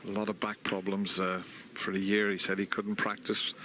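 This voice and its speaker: Hushed low-voiced male snooker commentator. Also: monotone, moderate pace. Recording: crowd ambience and noise behind. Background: snooker hall audience.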